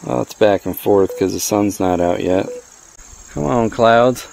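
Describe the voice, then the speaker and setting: Speaking at a measured pace, a middle-aged product reviewer has a lowish, slightly mellow voice with vocal fry. He casually reviews gear outdoors in a driveway, thinking aloud with dry jokes, filmed on an action camera worn on his body.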